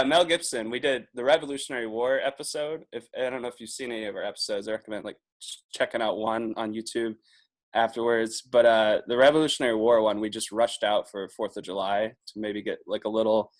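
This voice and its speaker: A man in his twenties talks as a podcast guest in a relaxed, meandering way. He laughs often and keeps reaching for "like" as he goes. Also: lowish voice, fairly quick. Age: 20s. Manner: chatty, laughs often, leans on filler "like". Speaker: podcast guest, video producer. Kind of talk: casual podcast chat.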